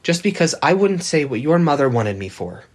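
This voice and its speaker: A woman's voice: sits low, very animated, normal speed, a little mellow, husky, pitched below the performer's own voice, full character voice. A woman reading aloud, voicing a proud, hot-tempered young man who sulks and talks back. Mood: indignant. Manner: sulky, defiant.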